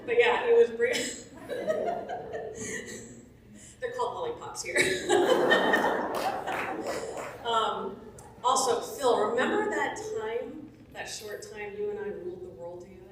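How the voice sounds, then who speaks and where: Woman, 40s, chatty church testimonial, laughs a lot, distant mic, very echoey room, faint rumble. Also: slow, long pauses. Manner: laughs often, lively and chatty. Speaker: former church member giving a testimonial. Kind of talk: casual storytelling testimonial.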